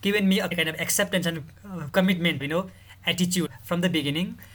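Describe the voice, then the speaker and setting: A man from Nepal, a guest in a podcast interview who explains his work in an earnest, measured way. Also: sits high, steady tone, a bit bright, a little hiss or hum. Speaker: guest, mental health director.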